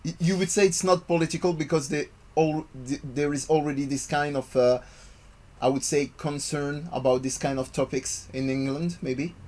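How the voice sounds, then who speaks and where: A man from France, speaking in his second language, hosts a casual chat over a video call. He halts often and searches for his words, filling the gaps with drawn-out hesitations. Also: fairly high pitch, fairly even intonation, darkish tone. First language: French. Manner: halting, searching for words, many fillers. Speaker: podcast host.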